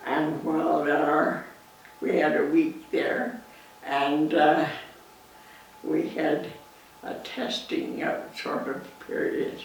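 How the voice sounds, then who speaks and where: A very old Canadian woman reminisces in an interview, slowly and with a gravelly creak in her voice. She halts and pauses mid-sentence. The recording is very echoey, picked up from a distance. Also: deep voice, level tone. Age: 90s. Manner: halting, pausing mid-sentence. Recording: echoey, distant mic, faint noise.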